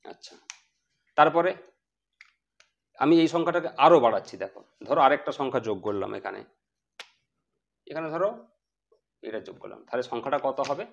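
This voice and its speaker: A man's voice: mid-range voice, lively intonation, a little fast, vocal fry, pauses often, muffled recording. A man teaching basic math who keeps asking the class questions and answering them himself. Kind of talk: explaining math to students.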